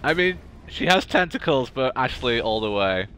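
A man's voice: mid-range voice, big pitch swings, normal speed, fairly bright tone, slight background noise. A man giving casual live commentary on a game playthrough, playful and rambling as he chats with viewers. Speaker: game streamer.

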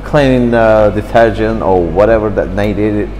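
A Turkish man in his fifties, speaking slightly broken English, chats animatedly about his childhood during a café interview, seated at an indoor table and gesturing with his hands. His voice sits on the low side at a normal pace. The camera across the table captures poor audio with big-room reverb and slight background noise.

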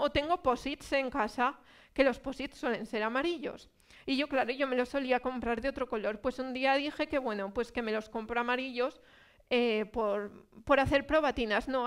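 Chatty Spanish woman lecturing, high voice. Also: smooth. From Spain. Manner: conversational, many fillers and rhetorical questions. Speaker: author giving a talk. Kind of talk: public lecture. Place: cultural centre hall.

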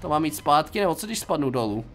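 A man's voice: fairly high pitch, big pitch swings, soft background music. A young Czech man giving playful, jokey commentary while playing a game, talking to himself and to his viewers. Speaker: gaming YouTuber. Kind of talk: casual gameplay commentary.

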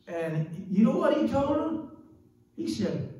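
An older man delivers a slow, folksy sermon into a handheld mic in a small church. His voice sits high yet mellow. The sound is very echoey and a bit distant, as if caught from across the sanctuary. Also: sing-song. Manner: folksy, chatty preaching with frequent "praise God" and laughs. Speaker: preacher. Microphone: handheld microphone.

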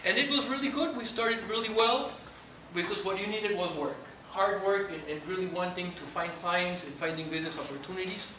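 High-pitched and fairly quick, with few pauses, this is a Spanish-speaking man from Mexico in his forties. As a guest speaker he talks earnestly to students in a lecture room, his Mexican accent clear as he gestures. Captured by a faraway camera mic, the room echoes and the audio is noisy.

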